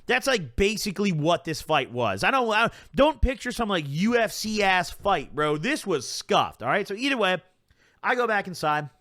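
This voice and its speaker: A young man with a voice that sits high hosts his channel, telling a story at a moderate pace in a casual, profane, rambling style full of "like" and "bro." He's animated and puts on voices when quoting people. The recording is dry, with clean studio sound.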